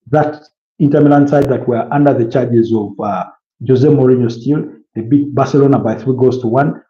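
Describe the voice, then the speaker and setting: A man in his early thirties, a football pundit on a casual talk show, rambling with many fillers and restarts as he lists player names. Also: mid-range voice. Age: early 30s. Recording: roomy, dull lo-fi sound.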